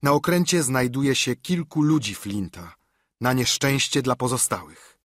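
A man's voice: medium pitch, measured pace, a bit bright, no room sound, studio quality. A man voicing a young boy sailor who answers briefly and matter-of-factly.

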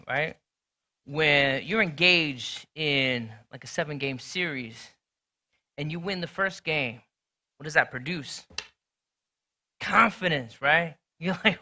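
A man preaching a sermon in a conversational, storytelling way, swinging between loud and hushed delivery. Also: fairly high pitch. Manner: conversational, storytelling with sports talk. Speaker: pastor.

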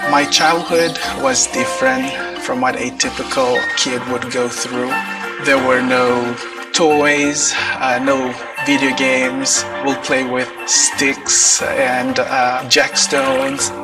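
A man's voice: medium pitch, little pitch movement, slow pace. Earnest man from Fiji, distant video. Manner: earnest, reflective storytelling. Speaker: children's ministry worker. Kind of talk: testimony in a mission video. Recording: video played over church speakers with loud music, from far off.

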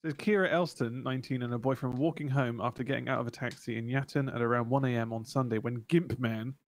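A man's voice: medium pitch, fairly even intonation, fast. A British man co-hosting a comedy podcast, reading a news story aloud with casual asides. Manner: reads news items with dry asides. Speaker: podcast co-host.

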